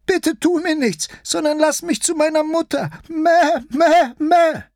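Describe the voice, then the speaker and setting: A man's voice: extremely high pitch, a little slow, darkish tone, no room sound, clean studio sound, pitched above the performer's own voice. A man voicing a timid young lion raised as a sheep, who whimpers, pleads and bleats. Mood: frightened pleading.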